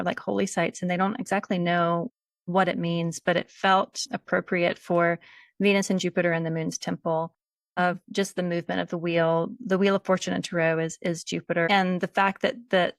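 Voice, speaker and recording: A woman hosting a casual conversation, explaining things in a relaxed way and thinking aloud as she goes. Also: medium pitch, dry recording, studio quality. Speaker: host.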